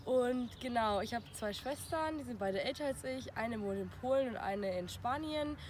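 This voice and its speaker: A woman's voice: a little high, animated, normal speed, darkish tone. Teen girl talking easy outside, a bit of street noise. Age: teens. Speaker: student introducing herself. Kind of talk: casual self-introduction. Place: outdoors on a path.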